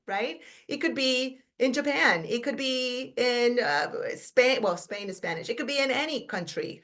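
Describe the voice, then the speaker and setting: A middle-aged teacher speaks in a fairly high, somewhat bright voice during a conference workshop. She keeps things informal and chatty, tossing in "right?" and revising her sentences midway, in a conference room setting.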